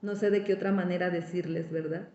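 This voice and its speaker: A woman's voice: lowish voice, steady tone, brisk, dark tone. A woman gives a spiritual recovery testimony. She talks straight to her listeners and repeats her words for emphasis. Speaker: speaker giving a recovery testimony. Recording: echoey, dull lo-fi sound.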